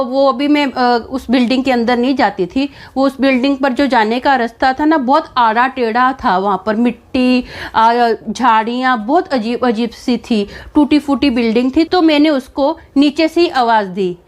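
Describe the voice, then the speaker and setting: A young woman casually telling a first-person story, acting out the lines of the people in it. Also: high voice. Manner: chatty, acts out quoted dialogue.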